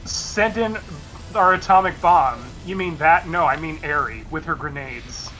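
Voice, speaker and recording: A man's voice: a little high, measured pace, bright, forceful tone, soft background music, rough recording. A man giving casual, sarcastic and foul-mouthed commentary over a video game. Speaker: let's play commentator.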